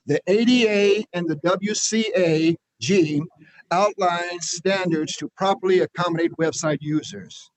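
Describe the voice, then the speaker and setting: Slightly high-voiced man reading a formal public comment, stumbles now and then. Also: a little slow, rough recording. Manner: formal, reads with occasional stumbles. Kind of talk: reading a prepared statement.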